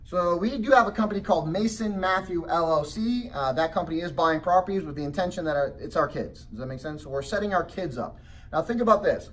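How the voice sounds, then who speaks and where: Seminar presenter, man, lively storytelling, a bit high-voiced, mic set back from him. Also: fast talker, distant mic, a little hiss or hum. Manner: animated storytelling with frequent rhetorical check-ins. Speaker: real estate investing seminar presenter. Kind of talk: motivational sales seminar talk.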